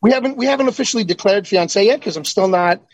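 A man's voice: high voice, quick pace, rough recording. A man joining a talk show as a guest, talking bluntly and heatedly with some swearing. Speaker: call-in guest. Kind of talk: casual chat.

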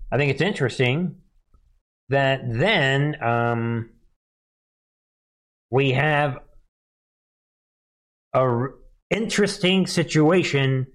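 A man hosting a live news commentary stream, reading viewer comments and posts aloud in a hesitant, rambling way full of rhetorical questions. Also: medium pitch. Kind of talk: casual livestream commentary, reading chat and posts.

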